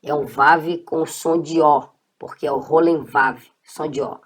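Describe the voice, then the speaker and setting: A woman's voice: low voice, steady tone, measured pace, husky. A woman teaching a casual online Hebrew lesson, patiently checking in with her students.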